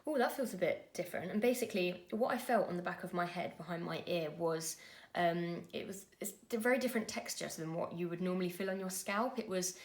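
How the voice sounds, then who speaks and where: A woman, telling a personal story to camera in an earnest, conversational way with frequent pauses and fillers. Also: fairly low pitch. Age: 20s. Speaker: vlogger.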